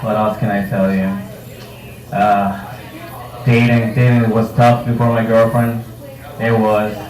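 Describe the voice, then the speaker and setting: A man's voice: on the low side, little pitch movement, slow pace, a little mellow. A man doing a live stand-up set at a bar comedy night, talking casually and profanely on a handheld mic, with self-mocking crowd work. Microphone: handheld microphone. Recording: roomy bar sound from a distance.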